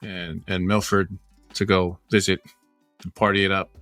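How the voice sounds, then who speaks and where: A man's voice: low-pitched, flat delivery, moderate pace, fairly bright tone, no echo, faint music behind. A man from American Samoa co-hosting a casual podcast chat, talking in a rambling, joking and supportive way. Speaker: podcast co-host.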